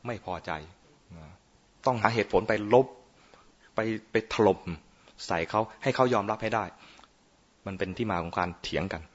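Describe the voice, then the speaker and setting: A man's voice: lowish voice, moderate pace, pauses often. A man, a Buddhist monk, giving an informal dharma talk on meditation in a playful, teasing way, often quizzing his listeners. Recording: muffled lo-fi recording.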